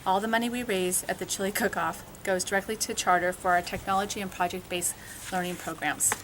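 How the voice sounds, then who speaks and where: Woman event co-chair, mid pitch, friendly read, faint noise. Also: steady tone, a little fast, a bit bright. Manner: friendly, reads from a script. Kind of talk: scripted announcement.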